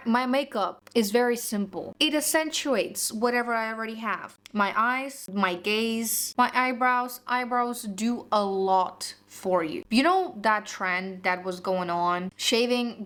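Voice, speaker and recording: A woman's voice: medium pitch, a bit bright. A woman talking casually through her makeup routine, drifting into personal stories and encouragement. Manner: chatty, drifts into personal anecdotes and pep talk. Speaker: beauty vlogger. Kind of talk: casual makeup tutorial chat.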